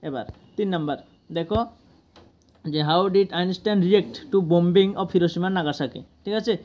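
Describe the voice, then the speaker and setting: A teacher with a Bangladeshi accent, explaining an English text slowly, word by word, and often checking with the class. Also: mid-range voice, highs cut off. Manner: explains each word slowly, often asks "ঠিক আছে?".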